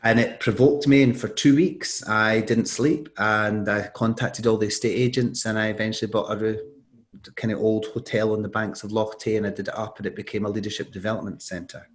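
A middle-aged man telling a story in conversation, lively and acting out the dialogue he quotes. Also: on the low side, brisk. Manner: animated, acts out quoted dialogue.

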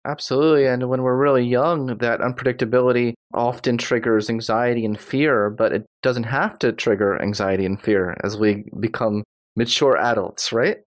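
A man's voice: medium pitch, steady tone, moderate pace. A man hosting an interview podcast, introducing and questioning his guest with enthusiasm. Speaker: podcast host.

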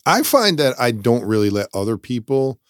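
A man's voice: medium pitch, sing-song, normal speed, clear, resonant tone, dry recording, clean studio sound. A middle-aged man chatting casually as co-host, asking curious, teasing questions. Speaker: co-host of a family channel. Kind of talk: casual chat.

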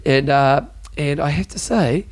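A man with a broad New Zealand accent bantering casually as a podcast co-host, animated and teasing, with blokey slang. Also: on the high side, measured pace.

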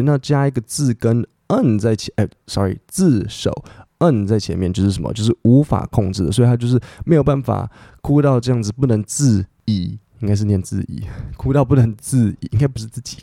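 Low gravelly man teaching English. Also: warm tone, no room sound, clean studio sound. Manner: reads English sentences slowly, spells words letter by letter; casual, chatty with many fillers and asides. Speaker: English teacher podcast host. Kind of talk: bilingual English lesson, reading news and explaining words.

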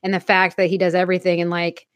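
A woman's voice: on the low side, completely flat delivery, fast, no echo. A woman co-hosting a podcast, chatting casually and enthusiastically. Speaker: podcast co-host. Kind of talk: casual chat.

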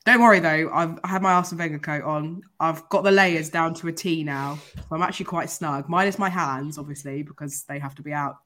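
A woman chatting casually as a podcast co-host, hoarse and unwell, with a croaky smoker's rasp. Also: low-pitched, a little fast, few pauses, a bit bright. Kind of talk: casual chat.

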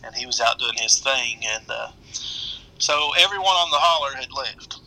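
Bright, sharp-voiced Appalachian man, halting storyteller. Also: mid-range voice, expressive, rough recording. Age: middle-aged. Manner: halting, rambling delivery. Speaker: guest storyteller. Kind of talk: casual conversational storytelling.

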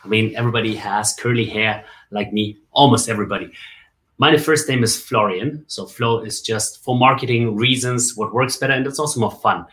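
A man in his forties who grew up in Germany tells his story as a guest on an interview. His pitch sits in the middle of the male range, and he talks in a lively, storytelling way with jokes and rhetorical asides. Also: normal speed. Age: 40s. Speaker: guest, communication coach and MC. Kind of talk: casual interview on a video call.

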